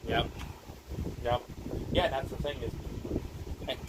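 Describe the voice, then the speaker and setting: A man's voice: mid-range voice, slow. A man who is a storm chaser, chatting casually and in a rambling way on a live stream. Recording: far mic, loud wind noise.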